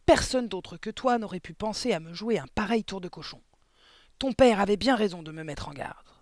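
A man's voice: on the high side, brisk, gravelly, no room sound. A man reading an audiobook voices a huge, tyrannical headmistress who barks and rants insults at a pupil. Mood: raging. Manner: barking, ranting insults.

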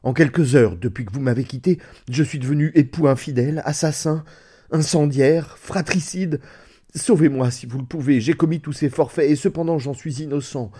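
A man's voice: lowish voice, fairly even intonation, normal speed, hardly any pauses, mellow, husky. A man voicing a desperate, guilt-ridden husband who pleads in a raised, strained voice in a storybook reading. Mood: desperate pleading.

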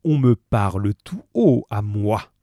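A man's voice: fairly low pitch, sing-song, slow, no echo, clean studio sound, heavily acted. A man doing a gloating, scornful police inspector. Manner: mocking, loud and scornful.

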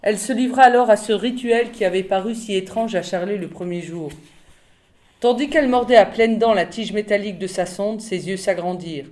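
A woman reads a novel aloud in a calm, measured voice. Her narration is steady and clear. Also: mid-range voice. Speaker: audiobook reader.

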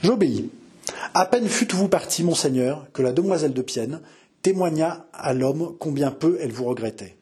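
Brief: a man playing a spiteful young nobleman in a read-aloud story, sly and mocking, pitched high and raspy. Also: lively intonation, normal speed, darkish tone. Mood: insinuating. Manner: sly, mocking, hissing with hatred. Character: scheming younger noble brother, venomous.

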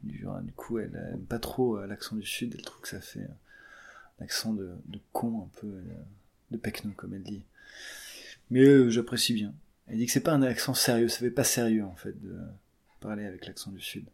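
A man's voice: lowish voice, brisk, creaky, a little mellow, breathy edge. A man in his twenties from southern France, a student answering interview questions hesitantly, with many fillers and restarts. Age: 20s.

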